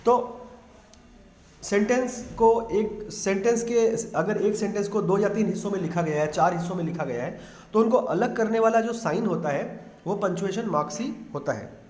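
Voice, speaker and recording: A male teacher giving a grammar lesson, explaining patiently in Hindi mixed with English and reading the English lines slowly. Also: sits high, a little mellow. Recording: echoey room, faint ambient noise.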